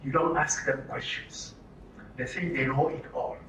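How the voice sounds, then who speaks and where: In an echoey room at a live workshop, a Nigerian-accented trainer gives media workers an interactive orientation lecture, asking them questions and repeating phrases in a teaching style. He speaks in a mid-range voice with fairly even intonation at a measured pace, heard through a distant mic with faint noise.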